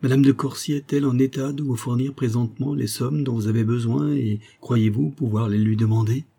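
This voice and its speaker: A man reading aloud voices an earnest, reserved colonel who speaks in a measured way. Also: medium pitch, steady tone, gravelly, dark tone, husky.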